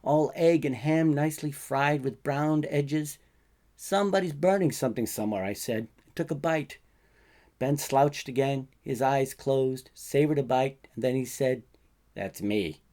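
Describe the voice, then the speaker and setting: A man reads his own short fiction aloud as a first-person narrator, sounding conversational and colloquial with expressive emphasis. His pitch is medium and his pace a little slow.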